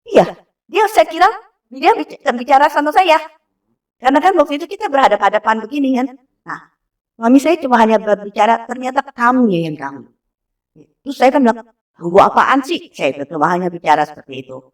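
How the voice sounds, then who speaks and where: A woman in her thirties telling a personal story in a casual, animated way, acting out the voices of people she quotes. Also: a little high, a little fast. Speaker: interview guest. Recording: voice slightly distant from mic.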